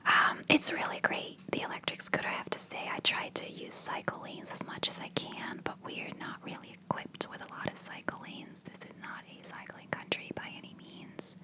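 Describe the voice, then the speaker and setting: A woman whispering in a hushed voice, chatting casually in a rambling ASMR style. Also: normal speed, few pauses. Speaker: ASMR video creator.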